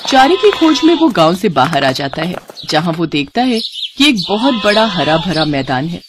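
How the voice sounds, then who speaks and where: A woman narrating a moral cartoon story in an expressive storytelling cadence. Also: fairly low pitch, normal speed, background noise.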